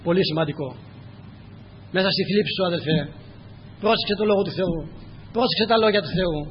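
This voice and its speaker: A man's voice: sits high, big-room sound, dull audio, a little hiss or hum. A man preaching a sermon in a church, reading scripture and urging his listeners with repeated direct appeals. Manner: repetitive exhortations, direct address to listeners.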